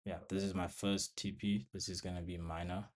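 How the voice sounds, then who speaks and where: Young male trading vlogger, low voice, short choppy live commentary, slightly winded. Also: little pitch movement, brisk, a little mellow. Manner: talks to viewers while watching the screen, in short broken phrases. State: out of breath. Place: bedroom at home.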